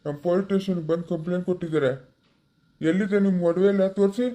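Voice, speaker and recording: A woman's voice: fairly low pitch, fairly even intonation, quick pace, dark tone, natural voice. A woman playing a stern male police officer, curt and commanding.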